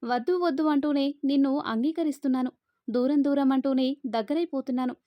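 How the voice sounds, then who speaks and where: Storybook part: sharp-tongued young village woman, always protesting, voiced by a woman narrator, high and dry. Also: fairly even intonation, fairly quick, no room sound, highs cut off, lightly acted. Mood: flustered. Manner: flustered, protesting.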